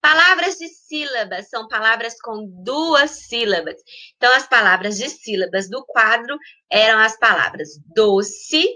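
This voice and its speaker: A woman teacher with a Brazilian accent and a bright, ringing voice pitched a little high. She stretches out each word slowly as she works through a school lesson. She keeps checking that her young students are following along. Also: expressive. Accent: Brazilian Portuguese. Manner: slow, drawn-out spelling of words with frequent check-ins.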